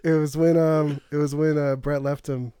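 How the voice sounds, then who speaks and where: A man's voice: on the high side, flat delivery, moderate pace, warm tone, clear, resonant tone, no room sound, clean studio sound. A man co-hosting a podcast in casual chat, laughing often as he quotes lines from TV shows. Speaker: podcast co-host.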